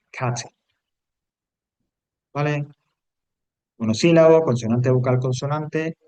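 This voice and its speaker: This medium-pitched man teaches English grammar in a classroom, recorded dry and close. Patient and repetitive, he walks through each step, restates rules, and keeps asking "¿vale?".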